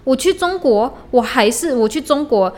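A woman's voice: high voice, animated, normal speed, darkish tone. Blunt, profane woman ranting. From Malaysia. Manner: heated, blunt, profane, mixes in English slang. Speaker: podcast host. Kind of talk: solo podcast rant. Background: faint lo-fi hip-hop beat.

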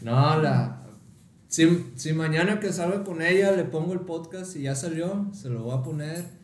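A man's voice: a little high, unhurried, a little mellow, slight background noise. Young guy from the mexican north accent wise, lightish voice, chatting casually, roomy sound. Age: young adult. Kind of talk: casual podcast chat.

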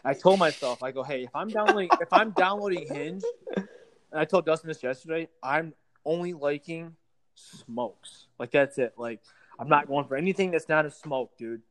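A man's voice: on the high side, a little fast, a bit bright. Swearing, story-telling podcast guy. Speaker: podcast co-host. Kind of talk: casual chat.

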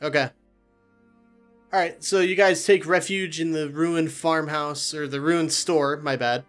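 A man running a tabletop game as dungeon master, describing scenes casually and haltingly. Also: fairly high pitch, fairly even intonation, a bit bright, faint music behind.

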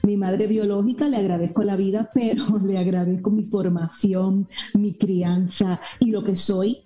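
A middle-aged woman from Miami, an interview guest telling a candid personal story in an expressive way, with rhetorical asides. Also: medium pitch, a little slow. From Miami, United States. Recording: echoey, slightly dull room sound with faint music.

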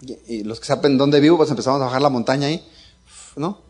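A man's voice: mid-range voice, fast talker, darkish tone. A middle-aged man with a Mexican accent telling a casual family anecdote, joking and chuckling as he goes. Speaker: father telling a story.

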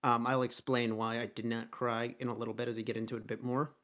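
A man co-hosting a casual podcast, speaking in a measured, explanatory way. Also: medium pitch, flat delivery, a bit bright. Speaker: podcast co-host. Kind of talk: casual chat.

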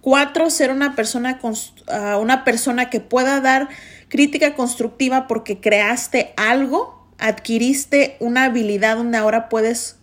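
Anfitriona de pódcast: mujer joven, voz un poco alta, habla con mucha intensidad y énfasis. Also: female voice, fairly high pitch, a little slow. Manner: intense and emphatic. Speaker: podcast host. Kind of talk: motivational podcast monologue.

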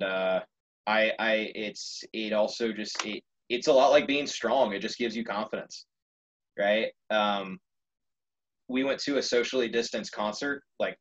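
Animated young man telling a story. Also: mid-range voice, highs cut off. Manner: animated, laughs often, swears casually. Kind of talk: casual storytelling.

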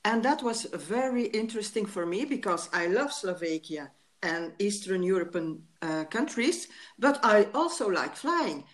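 A woman hosting a podcast interview, talking with many pauses and fillers. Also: medium pitch, big pitch swings. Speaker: podcast host. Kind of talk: conversational interview.

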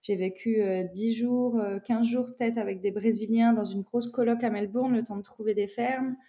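A woman's voice: a little high, steady tone, normal speed, warm tone. A young woman from France, a guest in a casual interview, talking loosely with many fillers and restarts.

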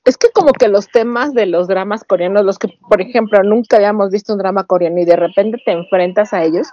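A woman co-hosts a relaxed interview, rambling a little and repeating small words while gathering her thoughts. Her voice is mellow and dark-toned, and the recording is dry and a bit dull, as if it came through a lower-quality mic. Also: quick pace, dry recording. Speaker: co-host. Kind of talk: casual interview chat.

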